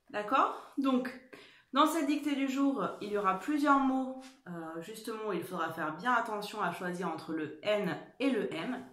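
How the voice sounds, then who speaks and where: A woman teacher giving a dictation lesson to young children, spelling out words and letters slowly and carefully. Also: mid-range voice, a bit bright, roomy sound. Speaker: primary school teacher.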